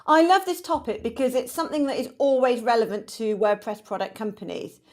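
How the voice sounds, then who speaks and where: A woman co-hosting a podcast interview, opening in a measured, scripted way. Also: a little high. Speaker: co-host.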